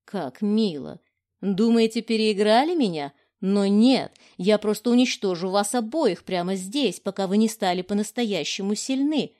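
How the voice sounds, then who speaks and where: A woman's voice: medium pitch, expressive, moderate pace, hardly any pauses, warm tone, close to an everyday voice. A woman reading as a sneering male villain. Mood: scheming. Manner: sneering, taunting. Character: scheming male villain, mocking and manipulative. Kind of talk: audiobook reading.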